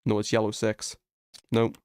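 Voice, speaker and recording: This man's voice is lowish, darkish, clear and resonant, delivered completely flat and unhurried. He's live streaming a game, chatting informally and thinking aloud while solving puzzles.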